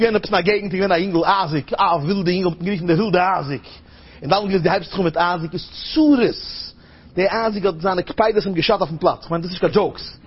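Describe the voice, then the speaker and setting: A rabbi with a husky voice gives a Yiddish-flavored sermon, preaching in a storytelling manner and acting out a child's high, crying voice. The recording is dull and lo-fi.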